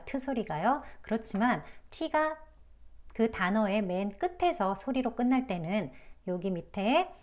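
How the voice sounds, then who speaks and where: Patient woman teaching pronunciation. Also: fairly high pitch. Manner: patient, demonstrative, polite and encouraging. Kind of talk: online phonics lesson.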